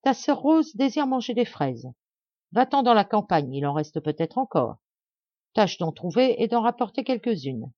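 A woman voicing a cruel stepmother who barks sharp orders and scolds, read from a storybook. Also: medium pitch, very animated, normal speed, dry recording, muffled recording. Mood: harsh. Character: cruel harsh stepmother, doting on one daughter.

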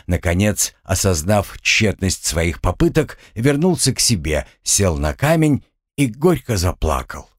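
A man reads a fantasy novel aloud in a measured, storytelling way. His voice sits fairly low, yet his pitch moves a great deal as he tells it. The recording is dry and close, with no room sound. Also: big pitch swings, no room sound. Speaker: audiobook narrator. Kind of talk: audiobook narration.

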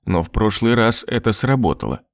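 A man narrating an audiobook in a steady, measured reading. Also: lowish voice, creaky, dry recording, clean studio sound. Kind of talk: scripted narration.

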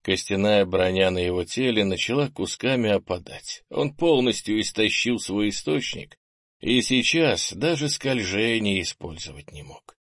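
A man reading an audiobook in scripted narration, steady and even. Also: lowish voice, moderate pace, dry recording, studio quality.

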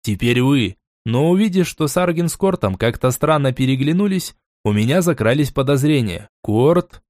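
Expressive male fantasy audiobook narrator. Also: fairly high pitch, brisk, dry recording, studio quality. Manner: expressive, dramatic reading.

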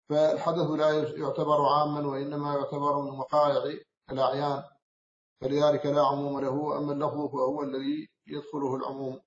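A male scholar from Mauritania lectures in a fairly high, gravelly voice that stays flat and even. He explains step by step, pausing and restarting his words. The recording sounds roomy and a bit dull. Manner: measured, explanatory, with frequent self-corrections and hesitations. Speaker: Islamic scholar teaching. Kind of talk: lecture explaining a classical text.

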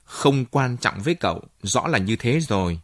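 A man's voice: mid-range voice, lively intonation, moderate pace, no room sound, studio quality, close to an everyday voice. A man voicing an anxious middle-aged mother who fusses and scolds about appearances. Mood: fretful.

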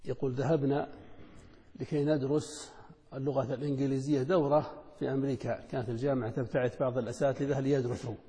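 Man teaching, warm voice in a hall. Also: mid-range voice, little pitch movement. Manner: measured, explanatory, poses and answers questions. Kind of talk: explaining a lesson. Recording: long hall reverb.

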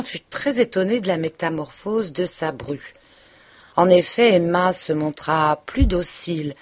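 Low-voiced woman reading a novel. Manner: steady, even literary reading. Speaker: audiobook reader. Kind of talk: scripted narration of a classic novel.

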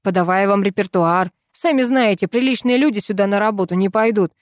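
A woman's voice: mid-range voice, fairly quick, dry recording, clean studio sound, natural voice. A woman voicing a lazy, whiny male hired Santa who grumbles in slang, in an audiobook reading.

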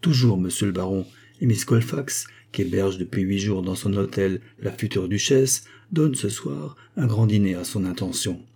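A servile servant answering his master with quick deference, as a male reader gives him voice. The tone is low, dark and husky, close to the reader's own. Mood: deferential.

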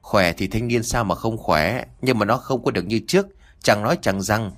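A man's voice: fairly low pitch, normal speed, fairly bright tone, natural voice. A man voicing a talkative, worried old country mother on the phone in an audiobook. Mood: fussing. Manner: chatty, fussing.

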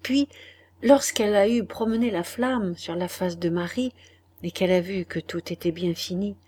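A woman reading a classic novel aloud, measured and dramatic, sometimes dropping to a hush. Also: lowish voice, slightly rough. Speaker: audiobook reader. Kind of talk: literary audiobook narration.

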